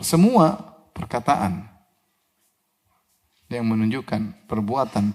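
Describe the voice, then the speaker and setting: Male preacher, sermon, animated delivery, pitch jumps on key words, asks and answers questions. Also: husky. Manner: asks the audience questions and answers them himself; recites verses in Arabic, then explains them.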